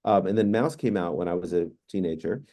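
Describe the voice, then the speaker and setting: His voice sits low as this man, fiftyish and Hungarian by native tongue, guides an online panel via video call. He shares anecdotes in an easy, deliberate way.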